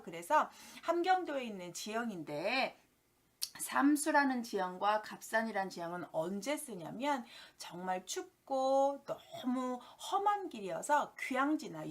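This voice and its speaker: A middle-aged woman teaching Chinese-character idioms, slowly drawing out each character's meaning as she explains. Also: a little high. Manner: drawn-out, deliberate reading of character meanings. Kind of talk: educational explanation.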